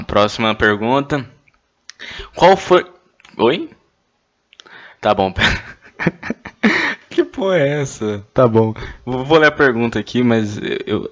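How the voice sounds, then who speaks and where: A man's voice: lowish voice, lo-fi sound. A young man, reading questions aloud and joking, stammering and swearing as he goes. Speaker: streamer reading anonymous questions. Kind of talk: casual chat.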